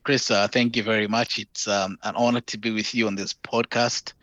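Zambian man, thirties, podcast guest on video call, low and earnest, muffled sound. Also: level tone, a bit bright, no room sound. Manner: earnest, measured, hesitant with fillers. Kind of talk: remote interview over video call.

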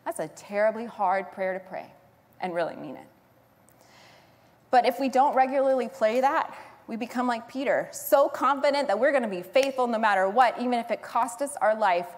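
A woman's voice: on the high side, moderate pace. Earnest woman preaching in a reverberant hall. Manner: earnest, storytelling, emphatic. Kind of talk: sermon.

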